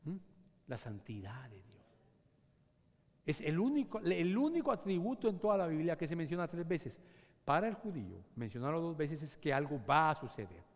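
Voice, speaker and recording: A man pastor preaching a sermon, swinging between loud cries and hushed whispers. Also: fairly high pitch, big pitch swings, normal speed. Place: church sanctuary. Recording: long church hall reverb.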